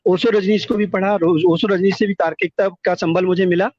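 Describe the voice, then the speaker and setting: A middle-aged man on a phone call tells his life story in a high-pitched, slightly mellow voice with fairly even intonation and a slightly quick pace. Earnest and wordy, he repeats words to stress them; the dull lo-fi recording has no room sound.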